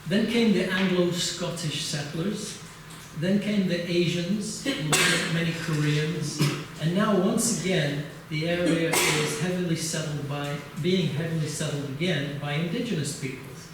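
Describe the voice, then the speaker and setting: An older man from England delivers a halting academic lecture, full of restarts and filler sounds. His voice sits a little high for a man. He is recorded from well back in a very echoey conference hall with steady background noise. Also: distant mic. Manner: hesitant, many uhs and restarts. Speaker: keynote lecturer.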